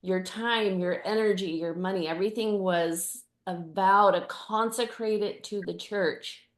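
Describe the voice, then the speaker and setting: A woman host speaking slowly and emotionally about personal experience over a video call. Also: mid-range voice, fairly even intonation. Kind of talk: casual interview chat.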